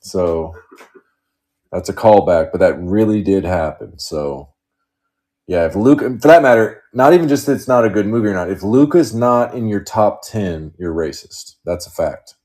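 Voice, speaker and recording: A man's voice: on the low side, animated, normal speed, a little mellow. A man hosting a live card break stream, chatting casually, rambling and joking as he reads off cards. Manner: rambling, joking, laughs often.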